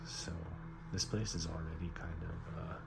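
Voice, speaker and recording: A man's voice: low voice, fairly even intonation, normal speed, loud music behind the voice. A man hosting a paranormal vlog, talking casually as he shows the place around. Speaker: vlog host. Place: inside an old hotel. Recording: noisy on-location camera audio. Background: clear room noise and ambience.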